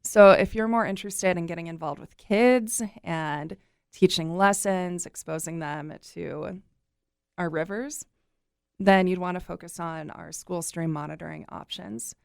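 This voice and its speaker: An upbeat young woman talks as an interview guest, chatty and quick to laugh. Her voice sits a little low with a gravelly edge, yet stays smooth and clear. The sound is close and dry. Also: no echo. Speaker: guest, nonprofit communications coordinator. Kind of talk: casual interview chat.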